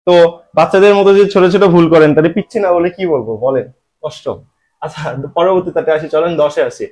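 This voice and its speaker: Here the teacher sounds a little high and fast, with a darkish tone. He covers English grammar for an admission exam in an online lesson, Bangladeshi Bengali accent throughout, teasing students and fielding his own questions.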